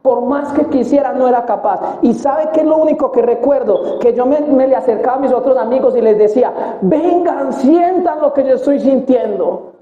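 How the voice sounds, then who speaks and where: A man's voice: very high voice, steady tone, fairly quick, few pauses. A young man preaching and telling his testimony with feeling, speaking straight to the congregation. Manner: emotional storytelling, addressing the congregation directly. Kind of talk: sermon testimony. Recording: echoey, tinny phone-like sound.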